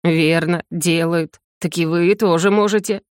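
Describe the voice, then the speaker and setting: A woman reading the part of a cold, detached male magic teacher who speaks in flat, curt, unhurried lines. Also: lowish voice, clear, resonant tone, dry recording, studio quality, close to an everyday voice.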